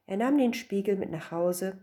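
Expressive woman reading a fairy tale. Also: medium pitch, normal speed. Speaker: storyteller. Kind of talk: scripted storybook narration.

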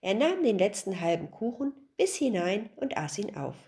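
A woman narrating a fairy tale in an expressive storybook reading. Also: mid-range voice, moderate pace.

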